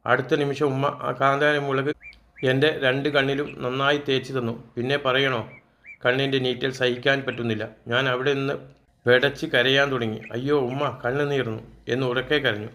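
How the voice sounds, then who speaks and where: A man's voice: medium pitch, flat delivery, fairly quick, sharp tone. A man narrating a first-person childhood story as a storyteller.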